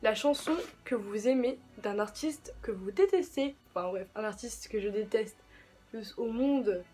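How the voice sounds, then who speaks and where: Chatty young woman over soft music. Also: a little high, measured pace. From of Portuguese descent. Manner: chatty, slangy, many fillers. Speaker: vlogger. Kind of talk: casual chat.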